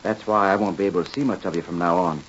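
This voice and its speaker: A man's voice: low voice, fairly even intonation, quick pace, a little hiss or hum, lightly acted. An actor playing an earnest, hopeful young railroad foreman in a 1930s radio Western. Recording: muffled 1930s radio recording.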